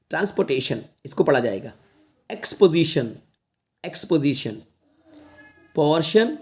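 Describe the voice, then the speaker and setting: A man leads an online lesson aimed at students. He reads each word slowly and repeats it several times. He keeps reassuring the viewers, who he calls children. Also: high-pitched, a little mellow. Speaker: English teacher.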